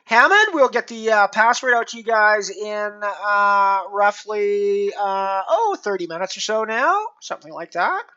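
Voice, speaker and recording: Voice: mid-range voice, lively intonation, measured pace, few pauses, pushed and bright, dull audio. A poker streamer chatting casually with live viewers, rambling along with plenty of fillers and restarts.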